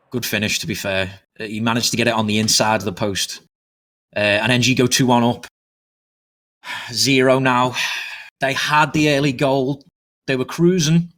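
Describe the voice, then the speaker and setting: A man doing fast live play-by-play commentary on an online soccer match, jumping up in excitement at goals and a little out of breath. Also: mid-range voice. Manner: excitable, rapid, rises sharply on goals. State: slightly out of breath. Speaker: esports commentator.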